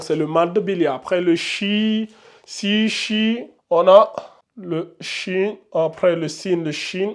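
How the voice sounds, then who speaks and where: Slow, high-voiced male Arabic teacher. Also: darkish tone. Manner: slow, drawn-out demonstration of letter sounds. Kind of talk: Quran pronunciation lesson.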